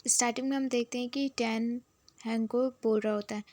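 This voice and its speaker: A woman's voice: fairly high pitch, steady tone, a little fast, a little mellow, no echo. A woman narrating a casual, chatty, plot-by-plot recap of a romance series.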